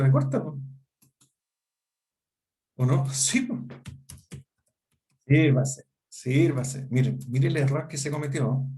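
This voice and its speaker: A man's voice: mid-range voice, a little mellow. A middle-aged man with a Chilean Spanish accent, teaching a law seminar and often checking whether students follow. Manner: explanatory, asks students rhetorical check-ins. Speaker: law lecturer. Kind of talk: seminar lecture.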